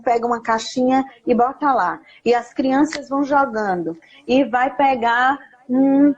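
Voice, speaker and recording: Husky, slightly high woman, earnest live-call guest, muffled lo-fi stream audio. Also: darkish tone. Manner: earnest, encouraging, quotes scripture slowly. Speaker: invited guest speaker. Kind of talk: casual live chat with teaching tips. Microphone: phone or laptop on a live video call.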